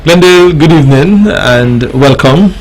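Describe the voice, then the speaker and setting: A man's voice: on the high side, expressive, poor audio. A man with a Caribbean accent hosting a radio talk show in a courteous, formal way. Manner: courteous, formal, deliberate phrasing. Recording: faint background noise.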